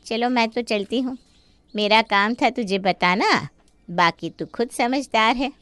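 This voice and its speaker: A woman voicing a meddling older neighbor aunt in an animated story, nosy and stirring up trouble. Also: fairly high pitch, measured pace, dry recording.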